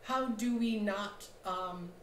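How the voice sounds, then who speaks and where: A woman's voice: medium pitch, takes it slowly, a bit bright. A woman, the playwright, speaking at a post-show panel on a theater stage in a thoughtful, emphatic way, often asking "right?". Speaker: playwright and producer. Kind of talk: panel discussion. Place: small theater stage, indoors. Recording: roomy hall, faint noise.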